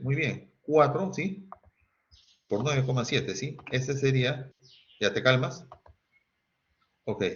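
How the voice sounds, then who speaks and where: A male teacher with a Peruvian accent leads an online chemistry class, quizzing his students, asking "¿sí?" constantly and singing snatches now and then. His voice is medium-pitched and fairly bright, and the recording has a dull lo-fi sound.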